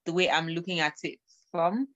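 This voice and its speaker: A young adult woman co-hosting a casual podcast chat, speaking in a relaxed, slangy way. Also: fairly low pitch, normal speed, no echo, lo-fi sound. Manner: laid-back, slangy, laughing easily.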